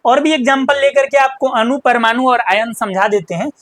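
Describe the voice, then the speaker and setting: A woman teacher giving a chemistry lesson, who asks and answers her own questions and repeats key terms slowly. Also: a little high, steady tone, no echo.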